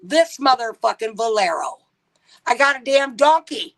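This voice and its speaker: A woman's voice: fairly high pitch, lively intonation, normal speed, vocal fry, fairly bright tone, no echo. A woman telling a long, profane story in a casual chat. She laughs often and acts out the people she quotes.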